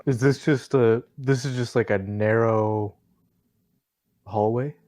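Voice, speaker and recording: A man's voice: mid-range voice, steady tone, slow, a little mellow, slight background noise. A man taking part in a tabletop game, asking questions in a hesitant, rambling way. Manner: hesitant, filler-heavy. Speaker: player. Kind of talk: casual chat.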